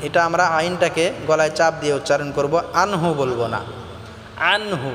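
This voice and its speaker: A man teaching Quran recitation, chanting verses slowly and melodically, then explaining each sound in plain speech. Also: a little high, fairly bright tone, slight background noise. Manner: slow drawn-out melodic chanting between plain spoken explanations. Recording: echoey hall with faint music.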